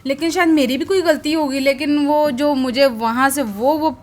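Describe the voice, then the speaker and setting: A woman's voice: high voice, steady tone. A woman sharing a personal testimony about her office work in a prayer session, in a rambling, hesitant way with many restarts.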